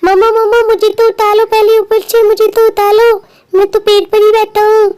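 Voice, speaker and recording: A whiny little boy begging his mum to get him down, as a woman puts him on in a doll story. The voice is pushed very high and loud, and it stays soft and mellow in tone. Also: little pitch movement, moderate pace, a little hiss or hum. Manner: whining, pleading. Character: small whiny boy stuck up a tree.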